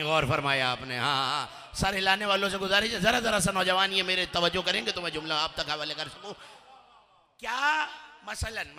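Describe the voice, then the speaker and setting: A man preaching from a pulpit to a live gathering. He speaks rhetorically, addressing listeners directly, and swings from quiet storytelling to shouted emphasis. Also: fairly high pitch. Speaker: cleric. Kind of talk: religious sermon.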